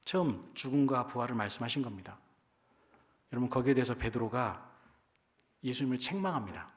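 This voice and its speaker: A man's voice: mid-range voice, fairly quick. Man preaching in a conversational way. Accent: Jeolla Korean. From Jeolla region, Korea. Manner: conversational preaching, frequent rhetorical questions to the congregation. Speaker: pastor. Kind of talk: sermon. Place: church.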